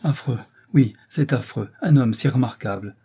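A man's voice: medium pitch, normal speed, mellow, slightly rough. A man voicing a portly, ambitious older count who questions urgently and anxiously in an audiobook reading. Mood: solemn.

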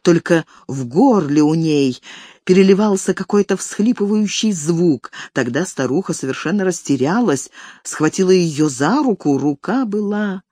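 A woman narrating a novel aloud in an expressive, dramatic way. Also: on the low side, a little slow, no room sound, clean studio sound.

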